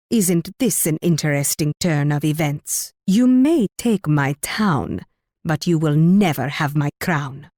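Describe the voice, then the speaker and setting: A woman's voice: low-pitched, darkish tone, no room sound, clean studio sound. An actress playing a haughty, warlike Spanish queen in a video game, delivering imperious, mocking taunts with sweetly condescending menace. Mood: scornful, defiant.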